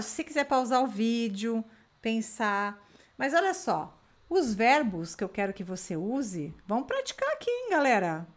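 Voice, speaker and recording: Brazilian woman, English teacher, friendly chatty delivery, slightly high pitch, careful slow model phrases. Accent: Brazilian Portuguese. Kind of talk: online English lesson.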